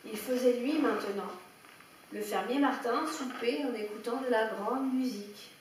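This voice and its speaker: A woman storyteller reading a children's picture book aloud with lively expression. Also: a little high, moderate pace, slight background noise. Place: indoor room at a public story reading. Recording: echoey room, heard from a distance, faint background ambience.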